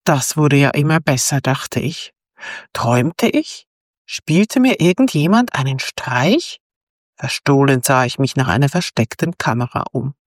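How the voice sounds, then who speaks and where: A woman narrating a first-person story in a calm, measured and reflective way. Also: rumbling low, no room sound, clean studio sound.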